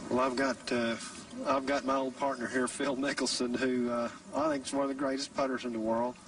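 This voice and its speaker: A man's voice: medium pitch, expressive, a little fast, creaky, recorded from a distance, noisy background. A man giving conversational golf commentary, explaining the course and the shots as an analyst.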